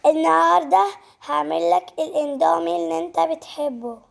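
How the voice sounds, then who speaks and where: A woman doing a gentle Egyptian mom. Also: very high voice, fairly even intonation, a little fast, gravelly, exaggerated voice. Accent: Egyptian Arabic. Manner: gentle, affectionate. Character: kind caring mother making breakfast.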